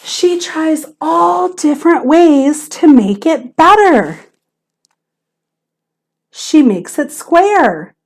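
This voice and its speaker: A woman teacher reads a children's picture book aloud, theatrical and expressive, stressing key words. Her voice sits high, and she draws out words and leaves long pauses.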